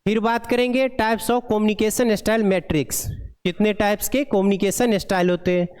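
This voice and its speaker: A man teaching pharmacy, reading lines slowly and explaining them in Hindi, often asking the class questions. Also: high voice, fairly even intonation, darkish tone, clear, resonant tone. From India. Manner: asks the class rhetorical questions. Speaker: pharmacy lecturer. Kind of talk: classroom lecture.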